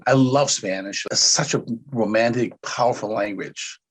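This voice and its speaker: A man from Taiwan, whose first language is Cantonese, answers interview questions casually as a podcast guest. His voice is lowish and husky, and he sounds relaxed, often pausing with "uh."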